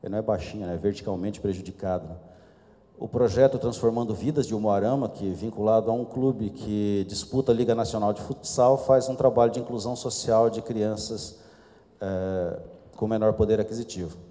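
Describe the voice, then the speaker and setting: A man's voice: lowish voice, steady tone, fairly quick, mellow. A middle-aged man, presenting slides at a conference panel in an informal, self-deprecating way. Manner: informal, self-deprecating asides while walking through slides. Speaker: conference speaker. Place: conference hall. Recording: long hall reverb.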